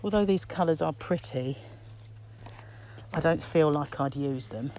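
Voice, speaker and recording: With a deep, dark, unhurried voice, a middle-aged British woman casually muses aloud while browsing a shop aisle, her words muffled by a face mask. She's a crochet vlogger recording chatty commentary for a shopping vlog on a handheld phone from behind the camera. The clip carries background noise and shop ambience.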